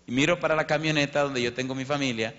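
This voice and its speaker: A man's voice: mid-range voice, fast talker. A man preaching as a pastor, telling a dramatic story and acting out the dialogue and sound effects. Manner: animated, acts out sounds and dialogue. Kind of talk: storytelling sermon. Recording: lo-fi recording in a reverberant hall.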